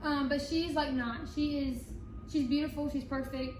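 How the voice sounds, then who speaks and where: A woman's voice: sits high, fairly even intonation, normal speed, a little mellow. A woman chatting casually as a talk show guest, who has trouble saying her R's, which sound like W's. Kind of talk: casual chat. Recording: echoey room, clear background noise.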